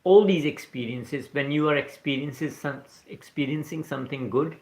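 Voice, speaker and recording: A man's voice: fairly high pitch, normal speed, a little mellow. A man with an Indian accent, English not his first language, talking casually about spirituality on a livestream, answering chat comments and often tagging "right?" onto his points. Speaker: livestream host. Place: live stream recorded in New Zealand.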